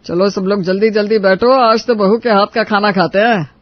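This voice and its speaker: Man playing a jolly cartoon father-in-law, high husky voice, dry muffled sound. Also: moderate pace, dry recording. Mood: hearty. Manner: hearty, enthusiastic. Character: cheerful middle-aged father-in-law.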